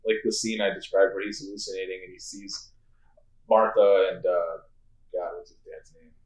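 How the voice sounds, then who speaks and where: Lowish man chatting in an echoey room. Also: normal speed. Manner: animated, acts out gruff movie lines. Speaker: podcast co-host. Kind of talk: casual chat.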